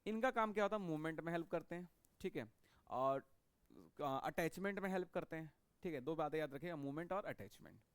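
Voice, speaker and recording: Man, biology teacher, repetitive lecturing manner, slightly high voice, dry close sound. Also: animated, fairly quick, smooth, dry recording. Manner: repetitive, checks understanding with frequent "okay". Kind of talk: classroom lecture.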